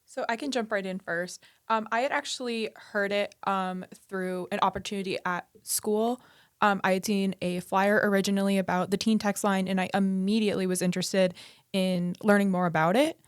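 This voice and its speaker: A nineteen-year-old woman answers questions in casual podcast chat. She speaks earnestly and a little haltingly, and her tone is smooth and clear. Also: medium pitch, steady tone. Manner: earnest, with frequent "um" fillers. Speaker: peer support worker, podcast guest.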